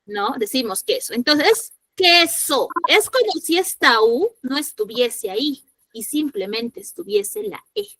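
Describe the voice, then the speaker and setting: Woman teacher, high and bright voice, patient, repeats herself, keeps checking the class understands. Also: sing-song, a little slow, creaky, dry recording, low-quality recording. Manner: patient, repeats points and asks rhetorical check questions; voices imagined student objections. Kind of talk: classroom grammar lesson.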